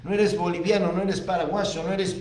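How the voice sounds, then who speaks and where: Argentine preacher with an emphatic, echoing voice. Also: male voice, high-pitched, fairly even intonation, normal speed, darkish tone. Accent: Argentine Spanish. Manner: emphatic, repeats phrases for stress. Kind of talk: sermon with scripture reading.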